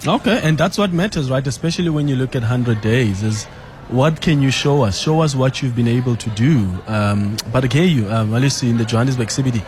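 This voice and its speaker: A man with a mid-range voice hosts a call-in radio show. He moderates calmly and keeps his remarks brief. A faint noise sits behind him. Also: medium pitch, brisk. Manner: calm, brief acknowledgements, moderating. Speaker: radio talk show host. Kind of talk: phone-in radio hosting.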